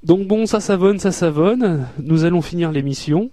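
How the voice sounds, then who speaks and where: A man's voice: high-pitched, normal speed, warm tone, no echo. A man hosting a radio show in casual chat, hesitant and full of filler sounds, teasing his co-hosts.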